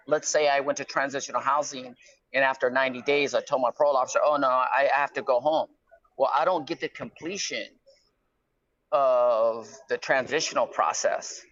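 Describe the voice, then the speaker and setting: A middle-aged man calls in from prison as a guest, explaining things conversationally and peppering his talk with "right?" and "you know." His medium-pitched voice is steady, a bit bright, at normal speed with no echo, heard over a slightly dull, lo-fi phone line.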